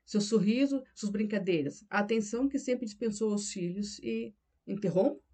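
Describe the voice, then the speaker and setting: A woman narrating a novel as an audiobook in a steady storytelling delivery. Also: mid-range voice, normal speed. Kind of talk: scripted narration.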